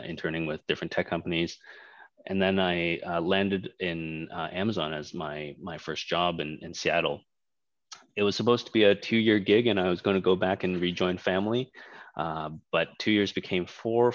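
Speaking in a low voice with no echo, this startup co-founder in his thirties answers interview questions casually, using many fillers and restarts. He was born in Hong Kong, grew up in Canada, and the sound is dry, dull and lo-fi.

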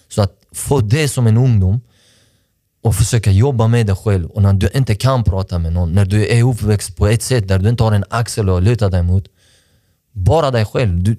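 Deep mellow guy on a podcast, earnest and thoughtful, dry sound. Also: dry recording. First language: not Swedish. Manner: earnest, reflective, halting with restarts. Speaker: podcast guest, sports director. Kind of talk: personal interview talk.

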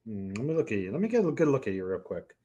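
A man's voice: lowish voice, big pitch swings, very fast, dark tone. A man co-hosting a podcast, trading crude jokes in casual comedic banter. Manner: crude, playful, laughs easily. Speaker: podcast co-host.

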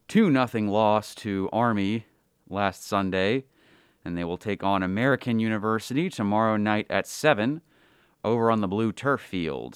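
A man's voice: fairly low pitch, clear, resonant tone, no room sound, clean studio sound. A man hosting a college radio sports show, speaking in a formal announcer style.

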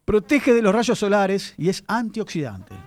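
A man's voice: high voice, big pitch swings, slow. A man presenting a chatty radio segment on word origins, addressing his listeners as he tells the story. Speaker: radio columnist. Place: radio studio.

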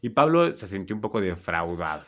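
A deep, brisk voice belongs to a young man with a Mexican Spanish accent who is telling funny stories in a casual chat. He's animated and laughing, and he acts out the voices in his stories.

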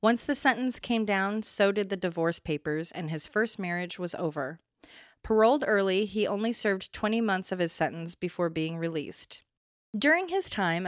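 A woman's voice: mid-range voice, no echo, clean studio sound. A woman hosting a true crime podcast, reading a scripted account and breaking in with blunt, opinionated asides.

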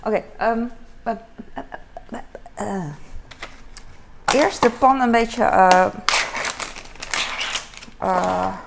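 A woman's voice: a little high, very slow, gravelly, long pauses, noisy background. A young woman chatting casually while cooking at home, rambling and laughing at herself, with many fillers and English phrases thrown in. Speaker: vlogger. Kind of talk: casual cooking vlog chat. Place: home kitchen.

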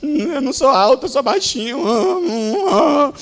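A man's voice: very high-pitched, animated, a little slow, heavily acted. A man voicing a self-pitying, unloved young person who whimpers and half-cries about feeling ugly and abandoned. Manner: whiny, whimpering, half-crying.

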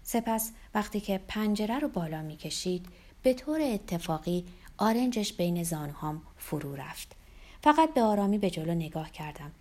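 A woman's voice: mid-range voice, darkish tone. Woman reading a bitter confessional memoir. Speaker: audiobook narrator. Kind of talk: scripted first-person narration.

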